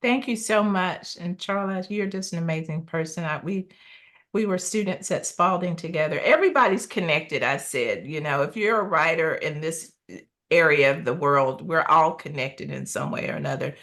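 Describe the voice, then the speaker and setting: A woman's voice: low voice, moderate pace, fairly bright tone. A woman novelist speaking earnestly on a panel about her upcoming book. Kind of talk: panel discussion.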